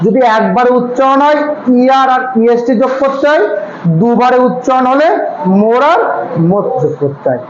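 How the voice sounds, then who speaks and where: A man's voice: very high voice, big pitch swings, moderate pace, slight background noise. Guy teaching a grammar class, keeps quizzing students, echoey room, kinda dull lo-fi sound. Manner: asks students questions and answers them himself. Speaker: tutor.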